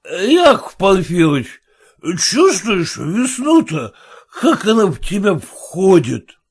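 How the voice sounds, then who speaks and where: A man's voice: sits high, wildly swooping pitch, takes it slowly, breathy edge, voice pushed up, heavily acted. A man voicing a drunk middle-aged merchant father who mumbles with a slurred tongue. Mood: tipsy.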